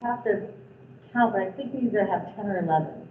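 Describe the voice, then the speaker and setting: A woman's voice: mid-range voice, fast. A woman speaks as a school nurse, laying out procedures in a matter-of-fact, detailed way. She sounds distant and tinny, as if picked up from across a hollow, echoing boardroom. A faint hiss sits under her voice. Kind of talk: answering questions at a board meeting. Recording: echoey room, tinny far-off mic.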